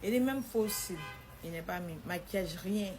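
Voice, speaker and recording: A young woman tells a personal story, acting out the quoted lines in a lively way. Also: on the low side, normal speed, a little hiss or hum.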